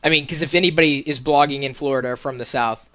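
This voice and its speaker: A man's voice: a little high, fairly even intonation, fast, fairly bright tone, dry recording. A man hosting a casual chat, talking in a joking, amused way. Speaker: host.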